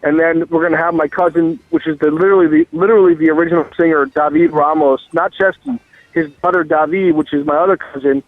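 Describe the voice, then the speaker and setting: A man's voice: fairly high pitch, steady tone, fast, dry recording. Man on a tinny car speakerphone. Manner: rambling, loose and profane, full of fillers. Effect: car speakerphone call. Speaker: musician guest calling in. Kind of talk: casual phone interview. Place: in a moving car. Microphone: phone on speaker. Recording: tinny dry phone line.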